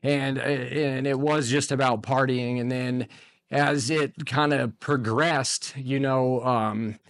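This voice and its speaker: A man's voice: medium pitch, fairly even intonation, slow, no echo, clean studio sound. A man in his forties from the United States talking in a loose, rambling way with lots of fillers, choked up at moments. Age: 40s. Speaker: guest. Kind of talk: casual interview talk.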